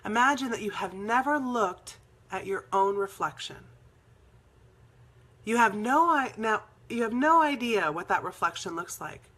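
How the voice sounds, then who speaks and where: A woman with a bright, forceful voice that carries a husky, breathy edge. She speaks as a spiritual healing teacher. She recounts her own experience earnestly, rambling a little and dropping in fillers and small laughs. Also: medium pitch, lively intonation, a little slow. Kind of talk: personal storytelling in a spiritual talk.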